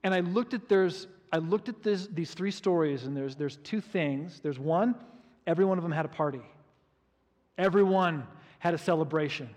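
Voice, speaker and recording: A pastor preaching a sermon, telling the story in an animated way with frequent restarts. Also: male voice, fairly high pitch, moderate pace. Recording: reverberant hall.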